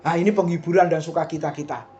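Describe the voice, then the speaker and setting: A middle-aged man with an Indonesian accent preaching a sermon, lively and chatty, often asking the congregation questions. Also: a little high, fast, muffled recording. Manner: lively, talks straight to the congregation with asides and questions.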